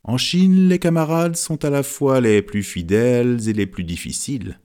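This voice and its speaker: A man's voice: mid-range voice, moderate pace, dark tone, clean tone, close to an everyday voice. A man voicing a confident older fortune teller who reads characters, in an audiobook. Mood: wry. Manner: confident, lecturing.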